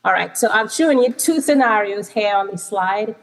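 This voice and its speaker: Speaking over a video call, a Trinidadian lecturer gives an interactive conference talk in her Trinidadian accent, her medium-pitched voice lively in intonation and moderate in pace. She's chatty, full of ums and self-corrections. The recording quality is low.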